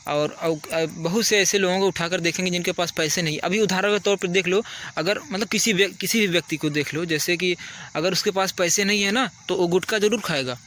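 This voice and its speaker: A teacher gives children a casual nighttime advice talk outdoors, earnestly repeating himself and using "ठीक है" to check they're following. His voice sits high and sounds brisk, bright and forceful. Slight background noise is audible.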